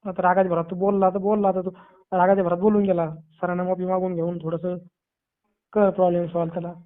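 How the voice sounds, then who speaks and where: This Marathi-accented man speaks fast in a high, flat, yet clear and resonant voice. Chatting casually on a tinny phone connection, he comforts and counsels his friend, frequently saying things twice.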